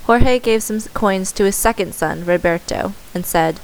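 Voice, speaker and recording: Smooth-voiced woman reading a story. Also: medium pitch, normal speed, low-quality recording. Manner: steady reading with small self-corrections. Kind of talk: scripted narration.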